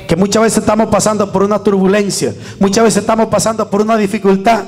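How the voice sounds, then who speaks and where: A man's voice: high voice, flat delivery, fast, a little mellow, big-room sound. A man preaching a sermon as pastor, fervent, with call-and-response to the congregation, recorded in a church.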